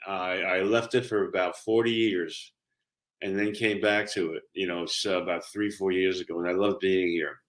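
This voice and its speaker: Older Brooklyn man with a low voice. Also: steady tone, moderate pace, a bit bright. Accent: New York, Brooklyn. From Brooklyn, New York. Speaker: career coach, guest. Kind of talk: conversational explaining and personal storytelling.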